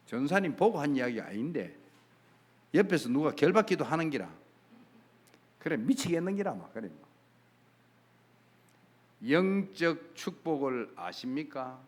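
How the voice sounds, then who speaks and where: A middle-aged man preaching a sermon in a Gyeongsang accent. His voice sits a little high and leaps around a lot. He swings from hushed to loud and acts out bits of dialogue. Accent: Gyeongsang Korean. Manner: emphatic, sways from soft to loud, acts out dialogue. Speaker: pastor.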